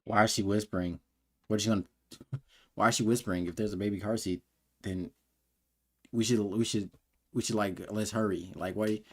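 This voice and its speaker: A man's voice: on the low side, steady tone, a little fast, long pauses. A man hosting a livestream reaction, talking in slangy, incredulous, joking asides. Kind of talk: casual reaction commentary. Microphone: earphones on, desk setup.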